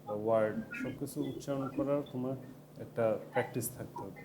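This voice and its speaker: A man's voice: mid-range voice, fairly even intonation, fast, very noisy. A man giving a casual IELTS tutoring lecture, mixing English tips into loose, chatty explanations with many fillers.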